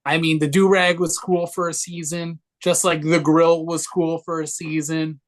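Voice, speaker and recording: A young man co-hosts a sports podcast in a loose, joking way, cursing often. His voice sits a bit high for a man. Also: flat delivery, moderate pace. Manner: brash, profane and joking. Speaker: podcast co-host. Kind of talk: casual sports podcast chat.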